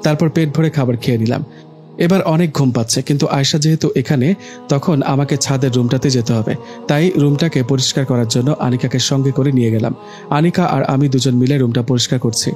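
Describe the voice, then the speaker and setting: A man narrating a romantic story in a calm, steady storytelling manner. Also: medium pitch, a little fast. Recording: narration over faint music.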